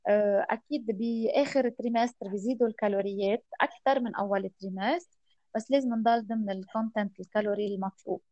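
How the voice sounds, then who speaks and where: A woman's voice: mid-range voice, fast talker, dark tone, no room sound, highs cut off. A woman with a Lebanese accent giving explanations as an expert guest in an interview, mixing in French and English words.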